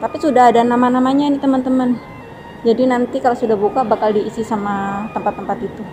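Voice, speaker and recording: A woman's voice: fairly high pitch, fairly even intonation, fast talker, poor audio. Chatty Indonesian woman on a walking vlog. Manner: chatty, addresses viewers as friends. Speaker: vlogger. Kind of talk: casual walking tour vlog. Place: outdoors at a seaside mall. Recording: loud background music.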